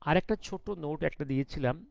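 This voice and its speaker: A man giving a commentary monologue, talking slowly because of a sore throat, firing off pointed rhetorical questions. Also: on the high side, vocal fry, no room sound. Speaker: political commentator.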